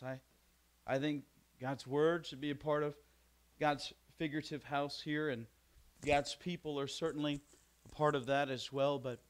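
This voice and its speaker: A man preaching a sermon as pastor in a church, with rhetorical questions and joking asides. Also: on the high side. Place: church sanctuary.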